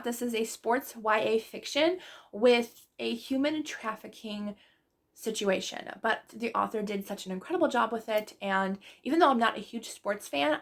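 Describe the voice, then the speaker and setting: A woman's voice: mid-range voice, fairly bright tone. A woman book vlogger chatting casually about books she loved, gushing and full of fillers. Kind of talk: casual book review chat.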